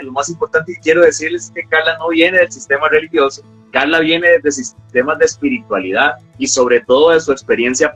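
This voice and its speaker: Male host, husky tense tone, halting casual delivery. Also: a little high, bright, forceful tone, poor audio. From Costa Rica. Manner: hesitant, many fillers and restarts. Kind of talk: casual interview chat.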